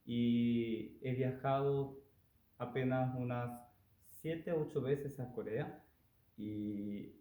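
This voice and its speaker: A man, a native Korean speaker, teaching a language lesson slowly and deliberately, pausing and hesitating often. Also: medium pitch, mellow. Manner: slow, deliberate, with many pauses and hesitations. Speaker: Korean language and taekwondo instructor. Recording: roomy echo, voice from far off.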